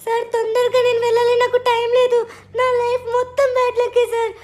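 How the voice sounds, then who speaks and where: A man's voice: extremely high pitch, completely flat delivery, fast talker, darkish tone, pitched above the performer's own voice. A man voicing an anxious young woman late for her flight in a game story, fretting about her bad luck. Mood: fretful. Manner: fretful, complaining of bad luck.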